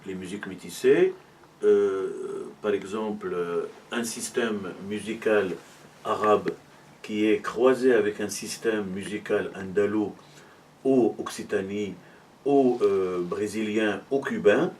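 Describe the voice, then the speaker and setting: In a lowish, darkish voice, a middle-aged Moroccan man who serves as a university arts and culture officer gives measured, explanatory interview answers full of hesitations. He seems a bit distant from the microphone, with faint hiss beneath.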